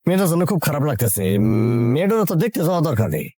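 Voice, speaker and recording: A sympathetic village uncle. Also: male voice, a little high, sing-song, racing, dark tone, slightly rough, dry recording, studio quality. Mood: musing. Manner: musing and sympathetic.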